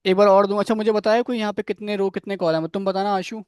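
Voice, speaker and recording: Man, coding teacher, classroom lecture, checks in after each step, clear smooth voice, dry sound. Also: high-pitched, little pitch movement, fast, darkish tone, no echo. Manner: explains step by step, keeps checking with "theek hai"; quizzes students by name. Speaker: coding instructor. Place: classroom with students present.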